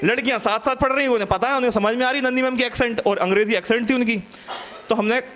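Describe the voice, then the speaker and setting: A young male comedian with a high, light voice works through a stand-up set in a loose, chatty way. He teases the crowd and acts out little classroom scenes as he tells them. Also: steady tone, very fast, fairly bright tone. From India.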